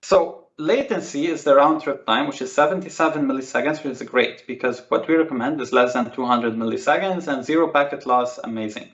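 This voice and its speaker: A man's voice: medium pitch, a little fast, hardly any pauses, a bit bright. Enthusiastic man explaining over a roomy call. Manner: enthusiastic, repeats words, says "amazing" often. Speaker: Microsoft Teams expert guest. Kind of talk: casual technical walkthrough on a video call. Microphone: video call. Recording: roomy, dull lo-fi call audio.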